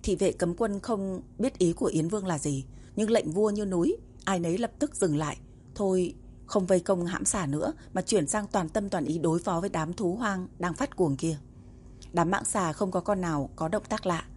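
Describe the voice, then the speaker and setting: Female audiobook narrator, low voice, steady reading, faint hiss. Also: moderate pace. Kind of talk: storybook narration.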